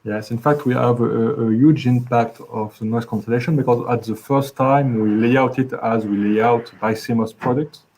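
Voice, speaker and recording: Nervous, hedging man with a mellow voice. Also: mid-range voice, steady tone, moderate pace, few pauses. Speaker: PhD candidate defending a thesis. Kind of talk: answering technical questions at a thesis defense.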